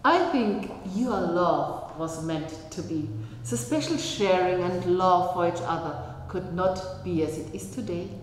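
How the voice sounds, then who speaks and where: A woman's voice: lowish voice, unhurried. A woman officiating a wedding in a small chapel, speaking formally and leading the vows line by line. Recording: echoey chapel reverb, faint noise.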